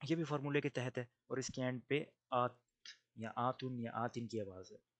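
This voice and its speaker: Male grammar teacher, native Urdu speaker, mid-pitched, patient, drills word pairs slowly. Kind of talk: recorded online lesson.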